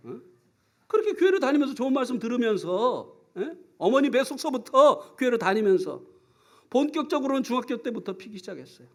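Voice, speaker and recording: A man preaching a sermon, telling stories with lively acted-out scenes, sudden shouts and frequent questions to the congregation. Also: sits high. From South Korea. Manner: animated storytelling, acts out scenes and shouts; asks the congregation for replies often.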